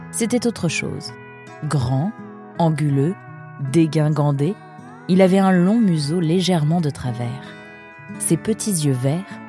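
A woman reading a storybook narration in a calm, measured way. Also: low-pitched. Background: soft guitar music.

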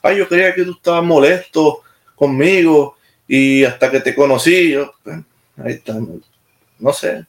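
This interview guest, a Puerto Rican military musician, answers casually in a direct, plain-spoken way, often restarting with hesitation. His voice is a little high and at normal speed, with a Puerto Rican Spanish accent, in an echoey room.

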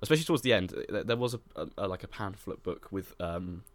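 Fast-talking young man, low voice. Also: expressive, no room sound. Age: young adult. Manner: fast, rambling, full of fillers and restarts. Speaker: podcast co-host. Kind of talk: casual chat.

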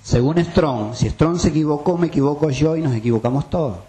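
A man's voice: fairly high pitch, fairly quick, warm tone. A man preaching a sermon, emphatic and quizzing his listeners with rhetorical questions.

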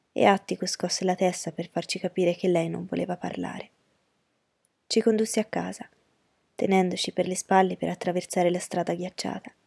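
A woman narrating an audiobook in a steady, even storytelling voice. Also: fairly low pitch, creaky, slightly rough, no echo. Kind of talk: audiobook reading.

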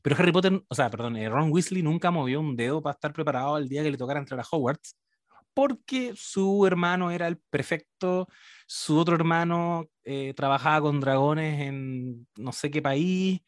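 A man's voice: fairly high pitch, normal speed, dry recording, clean studio sound. A man with a Chilean Spanish accent in a casual podcast chat, joking and often correcting himself. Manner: lively, joking, self-correcting.

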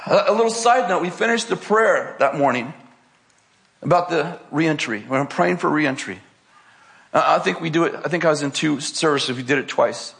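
A man's voice: fairly high pitch, animated, moderate pace, vocal fry, a bit bright. An older man preaching, telling a story with laughter and acted-out quotes. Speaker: pastor. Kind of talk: sermon storytelling.

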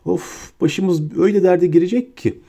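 A man's voice: high-pitched, moderate pace, vocal fry, dark tone, pitched above the performer's own voice. A man voicing an anxious, clever teenage girl in an audiobook, with a wailing, fretful way of talking. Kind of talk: audiobook character voice.

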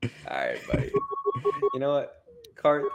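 Male gamer, casual commentary, joking asides, mid-pitched, music behind. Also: big pitch swings, unhurried, gravelly. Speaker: gaming show host playing a role-playing game. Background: video game music.

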